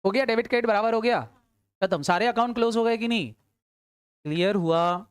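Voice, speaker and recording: A woman teacher runs an accounts lesson, pressing her students for fast answers and then supplying them herself. Her voice sits a little high and comes across smooth and resonant. The recording is close and dry, with no room sound. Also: no echo. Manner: quizzing students, answering her own questions; urging quick answers. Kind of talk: classroom lecture.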